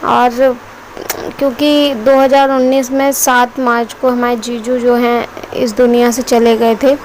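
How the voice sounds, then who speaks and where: Young woman vlogging, high voice, worried, talking to viewers, lots of noise in the background. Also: level tone, measured pace, darkish tone. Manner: worried, talks straight to viewers. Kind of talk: casual vlog narration. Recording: noisy background.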